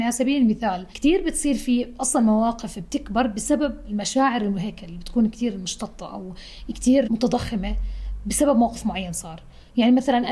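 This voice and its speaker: A woman's voice: a little high, mellow. A woman, hosting a podcast and explaining relationships while dropping English terms into her speech. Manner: mixes English terms into speech, acts out short example dialogues. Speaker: podcast host.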